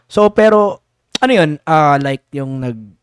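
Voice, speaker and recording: A chatty Filipino man hosting a podcast, his voice sitting a little high for a man. He asks questions in a loose, curious way, heavy with fillers. The sound is close and dry. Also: animated, takes it slowly, clear, resonant tone, no echo. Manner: curious, chatty, lots of fillers and back-channels. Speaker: podcast host. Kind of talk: casual chat.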